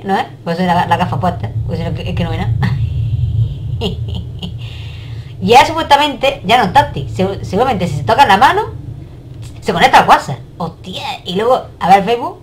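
Lively woman playing a game. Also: mid-range voice, a little hiss or hum. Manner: playful, teasing game characters, laughing often. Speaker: gamer. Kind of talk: casual gameplay commentary.

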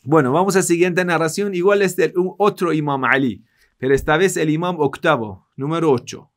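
A man's voice: a little high, a little fast. A man from Iran with a Persian accent, a native Persian speaker, teaching a religious class in Spanish and earnestly addressing his listeners. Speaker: Islamic teacher.

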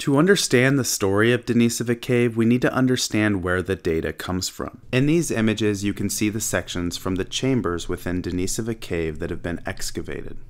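Man narrating a science documentary, low-pitched. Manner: measured, explanatory delivery. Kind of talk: scripted narration. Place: voice-over.

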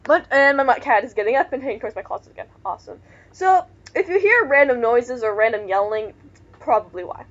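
High, lively young woman gaming. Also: fast, muffled recording. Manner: jumpy, exclaims at the game. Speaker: let's play host, player. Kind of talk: casual gaming commentary.

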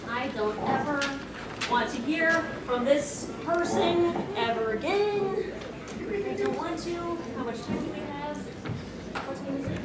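On a stage in a convention meeting room, a young woman hosts a panel for an audience, casual, giggly and hesitant. Her voice is high and a little slow. A distant camera mic captures it, making the recording echoey and noisy.

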